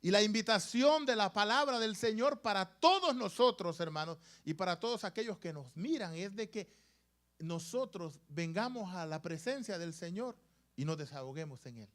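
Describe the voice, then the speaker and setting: A man's voice: high-pitched, lively intonation, normal speed, a bit bright. A man preaching to his congregation in a church, with sudden rises and drops in emphasis and frequent asides to the brothers and sisters. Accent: Latin American Spanish. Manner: rising and falling emphasis, calls the congregation "hermanos". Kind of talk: sermon. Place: church sanctuary.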